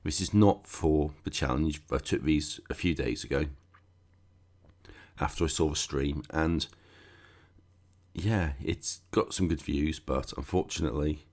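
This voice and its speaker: Stuffed up and croaky from a cold, this man hosts a gaming channel and chats casually through a walkthrough with sarcastic asides. His voice sits extremely low, a touch dark, and moves a little slowly.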